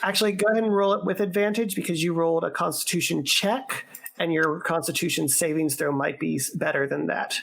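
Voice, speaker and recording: A woman running a remote tabletop game as game master, relaxed and halting with fillers. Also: fairly low pitch, creaky, breathy edge. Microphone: remote call mic.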